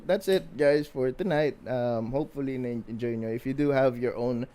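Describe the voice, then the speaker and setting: A man's voice: mid-range voice, normal speed, warm tone. A Filipino-accented man co-hosting a casual livestream podcast, switching between languages, laughing a lot and swearing casually. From Philippines. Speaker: podcast co-host.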